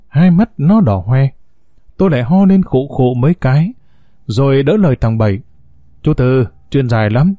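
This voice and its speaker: A man narrating a first-person story in a steady, unhurried way as the storyteller of an audio series. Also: medium pitch, dry recording, clean studio sound.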